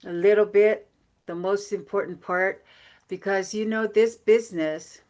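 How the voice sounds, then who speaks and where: A woman's voice: medium pitch, fairly even intonation, a little slow, a little mellow. A woman from American Samoa giving an upbeat, conversational motivational training over a video call, with many fillers and repeated phrases. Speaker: team leader giving a training.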